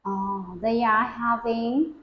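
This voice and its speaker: A woman's voice: fairly high pitch, fairly even intonation, slow pace, fairly bright tone, a little hiss or hum. A woman giving an English speaking test to a young learner. She asks simple questions patiently and models full sentences for the child to repeat. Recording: echoey room.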